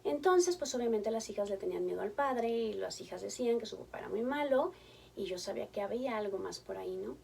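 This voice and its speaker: A woman's voice: mid-range voice, lively intonation, quick pace, gravelly, husky, recorded from a distance. A woman, a family therapist telling stories from her practice to parents and acting out the voices in them. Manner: warm storytelling, acts out quoted voices. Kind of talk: talk to parents.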